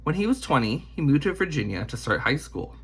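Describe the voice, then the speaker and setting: This children's biography is narrated by a man whose mid-range voice is husky, roughened by a gravelly creak. He reads expressively, letting his pitch rise and fall broadly while keeping a deliberate, measured rhythm.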